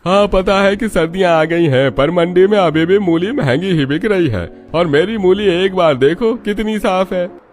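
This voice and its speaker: A man's voice: high-pitched, normal speed, lightly acted. Folksy village uncle, cheerful; a man voices him; faint music bed. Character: village men and a vegetable seller.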